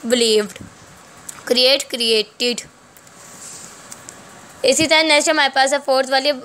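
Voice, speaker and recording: Slow-spoken Pakistani woman teacher, bright voice. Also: high-pitched. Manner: reads English rules slowly, then explains them in Urdu with frequent "theek hai". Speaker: English teacher. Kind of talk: recorded grammar lecture.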